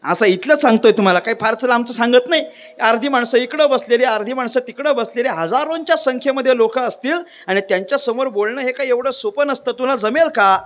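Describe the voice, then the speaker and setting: A man from Maharashtra preaching a devotional sermon as a lively storyteller, who keeps tossing rhetorical questions at the crowd. His voice is strikingly high for a man. It carries through a long, ringing hall reverb. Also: fast talker. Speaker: kirtan preacher.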